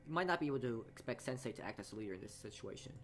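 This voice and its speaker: Hosting a gaming video, a man reads a visual novel aloud with casual asides, often stumbling over or repeating words. His medium-pitched voice is expressive, rapid-fire, and a bit bright, with game background music playing behind him.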